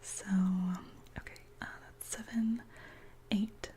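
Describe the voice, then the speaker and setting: A woman hosts a whispered ASMR chat, her voice a soft unvoiced whisper throughout. She talks slowly and evenly, with little rise and fall. Gentle pauses and soft fillers fill the gaps between her thoughts. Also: medium pitch, fairly even intonation, slightly rough. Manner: slow, gentle, with many soft ums. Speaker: ASMR channel host.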